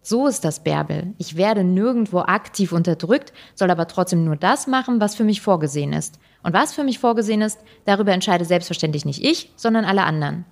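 A woman's voice: fairly low pitch, lively intonation, brisk, vocal fry, hardly any pauses. A woman voicing a combative young female talk-show guest who speaks bluntly. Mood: indignant.

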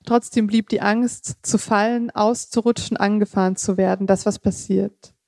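Reading her own prose aloud, this author keeps a steady, measured rhythm, though she sometimes slips, corrects herself, or makes a casual aside. Her mid-range voice comes across as warm and mellow, not bright, in a dry, close recording with no room echo.

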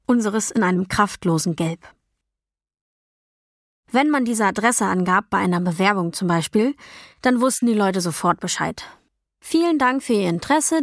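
A woman reading a first-person novel as an audiobook, in a calm, even storytelling voice with quiet dialogue voices. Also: medium pitch, no room sound, clean studio sound. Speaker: audiobook narrator. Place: dry recording booth. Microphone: close studio mic.

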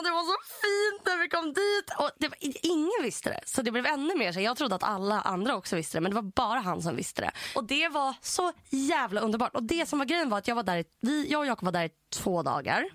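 A woman telling a story in casual chat, animated, swearing often and acting out the dialogue. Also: on the high side, dry recording, clean studio sound. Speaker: podcast co-host.

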